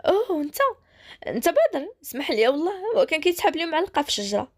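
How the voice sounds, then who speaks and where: A woman's voice: sits high, sing-song, quick pace, a little mellow, no room sound, studio quality, pitched above the performer's own voice. A woman with a Moroccan accent voicing a bubbly, teasing young woman who is a rookie police officer. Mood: cheeky. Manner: playful, cheeky.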